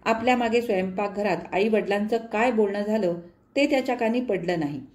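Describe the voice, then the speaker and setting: A woman narrating a short story in a measured, expressive storytelling manner. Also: medium pitch.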